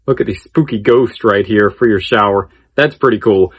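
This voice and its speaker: A man's voice: lowish voice, normal speed, slightly rough. A man hosting a casual update video, chatty and enthusiastic, repeating phrases for emphasis. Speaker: video channel host. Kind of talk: casual news-update commentary.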